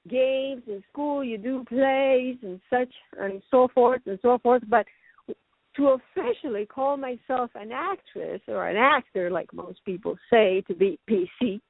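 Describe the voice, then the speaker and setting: This middle-aged woman, a guest actress raised in Venezuela and Canada, rambles and laughs often in a casual interview chat. Her voice is a little high and gravelly, and she takes her time. The recording is dry and sounds like a tinny phone line.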